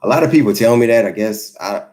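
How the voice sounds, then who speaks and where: A man's voice: lowish voice, lively intonation, fast talker, a little mellow. A man in his forties casually chatting with viewers on a livestream, easygoing and rambling, answering comments as they come in. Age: 40s. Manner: easygoing, rambling, laid-back. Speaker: YouTube creator hosting a livestream. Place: home, Los Angeles.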